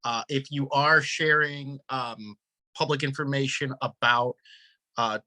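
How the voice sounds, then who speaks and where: Man, host, bright tone, dry close sound, hesitant fillers. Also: medium pitch, steady tone, measured pace, no room sound. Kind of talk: casual interview wrap-up.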